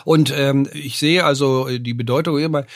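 A man's voice: mid-range voice, normal speed, dry recording, studio quality. An older man, a name researcher and professor, explaining word origins in a podcast, with many "ne?" tags and filler sounds. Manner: lecturing, often adds "ne?" and "äh", lively rises.

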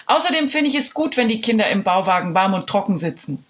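A woman voicing a gruff but kindly male school caretaker who talks in a dry, matter-of-fact way. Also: medium pitch, sing-song, quick pace, close to an everyday voice.

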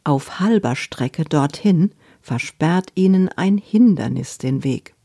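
A woman reading a children's book aloud in a deliberate storytelling manner. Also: deep voice, animated, vocal fry, dark tone, dry recording, studio quality.

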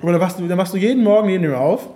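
A man's voice: sits high, rapid-fire, mellow. A man chatting casually on a podcast, rambling with restarts and frequent laughs. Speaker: podcast host.

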